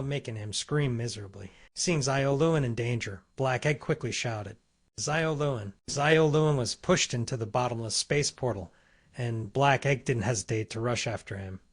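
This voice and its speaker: A man narrating a comic recap in a steady, scripted storytelling read. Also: medium pitch.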